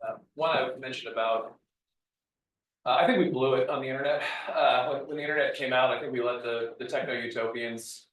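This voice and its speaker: A man's voice: medium pitch, steady tone, fairly quick, a bit bright, a little hiss or hum. Echoey man explaining like a lecturer. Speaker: guest speaker, media scholar. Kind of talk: lecture-style talk. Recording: echoey room, distant mic.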